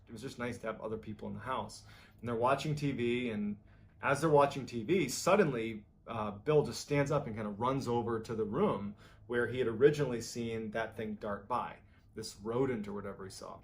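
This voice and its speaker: A man narrating a true story in a casual, conversational way, with a voice of ordinary middle pitch. He acts out what the people in the story said, his voice rising for the urgent lines. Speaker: storyteller host.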